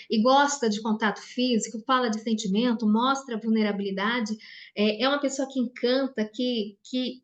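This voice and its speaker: A Brazilian woman with a high voice teaches in a loose, chatty way and slips into short acted-out dialogues to make her points. Her voice rings out in a noticeably echoey room. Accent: Brazilian Portuguese. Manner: expressive, acts out little quoted dialogues. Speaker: teacher explaining personality traits. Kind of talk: informal spoken lesson.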